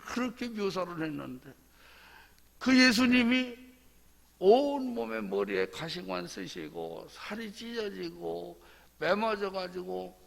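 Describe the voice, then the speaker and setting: A man's voice: high voice, lively intonation, slow, vocal fry, in a large hall. A male pastor giving a dawn prayer sermon, emphatic and repetitive, telling the story dramatically. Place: church sanctuary.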